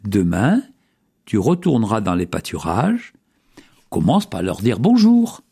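A man as a gentle old grandfather. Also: lowish voice, huge pitch swings, unhurried, creaky, husky, heavily acted. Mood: reassuring.

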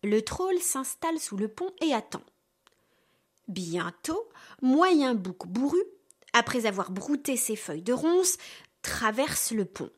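A woman's voice: a little high, sing-song, slow, breathy edge. A woman reading a fairy tale aloud expressively, with playful sound effects. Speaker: storyteller.

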